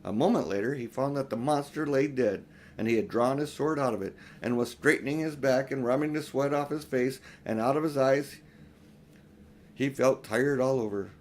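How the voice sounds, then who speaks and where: Reading from a children's storybook at normal speed, an older man narrates in a plain, homely manner reminiscent of an amateur audiobook. His pitch is middling, and there is slight background noise.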